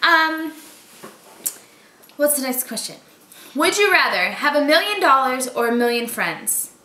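Reading challenge questions as a vlogger, this Boston-area woman in her twenties chats casually and playfully, her slang colored by a light Boston accent. She sits high in pitch and sounds expressive, bright and forceful at a measured pace. The small room at home where she records gives off a roomy echo.

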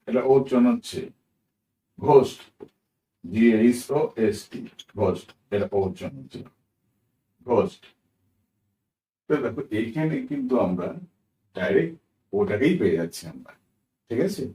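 In a roomy, rough recording with a distant mic, a medium-pitched man with a mellow, animated voice explains an English pronunciation lesson. He spells out words one letter at a time, says them again slowly, and checks in with "right?" frequently.

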